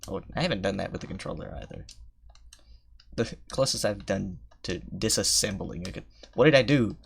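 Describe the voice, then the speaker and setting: A young man streaming gameplay talks casually to himself at normal speed in a lowish, creaky voice, with a little hiss or hum in the recording. He rambles, mocks his own skill, and thinks aloud between attempts.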